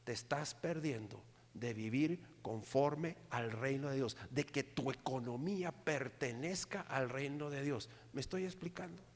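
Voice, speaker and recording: A middle-aged man, preaching a sermon with animated delivery and often asking the congregation for agreement. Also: mid-range voice, a little slow, few pauses. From Mexico. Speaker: pastor. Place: church hall. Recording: long hall reverb.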